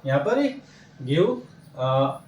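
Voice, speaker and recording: A man's voice: a little high, big pitch swings, drawn-out words, darkish tone, slight background noise. Man teaching a lesson in an echoey room. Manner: repetitive, checks in with "ठीक है ना" often; asks questions then answers them himself. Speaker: English teacher. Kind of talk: classroom-style language lesson. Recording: roomy echo, mic set at a distance.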